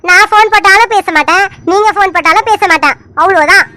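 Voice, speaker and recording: A woman voicing Poomari, a playful and quick-tempered young village woman in an animated serial, who argues in rapid, indignant bursts. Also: very high-pitched. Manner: indignant, rapid back-and-forth arguing. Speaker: cartoon character.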